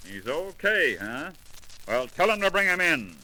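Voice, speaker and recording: An actor playing a brusque, commanding airline boss in a 1930s radio drama. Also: male voice, fairly high pitch, big pitch swings, measured pace, bright, forceful tone, heavily acted, rough recording. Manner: gruff, commanding, impatient. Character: brusque middle-aged male airline boss. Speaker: airline company head.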